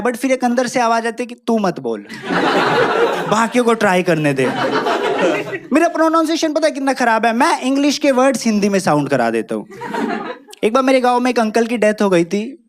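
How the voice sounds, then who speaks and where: High-pitched young guy doing a self-mocking stand-up set, loud audience laughing over him. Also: lively intonation, quick pace. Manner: self-mocking Hindi storytelling mixed with clumsy English. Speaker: stand-up comedian. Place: comedy club stage with a laughing audience. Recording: live show with loud crowd laughter.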